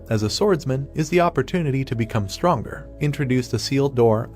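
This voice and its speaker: Guy reading a story recap, steady telling, soft music behind. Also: mid-range voice. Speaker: recap narrator. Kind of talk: scripted narration.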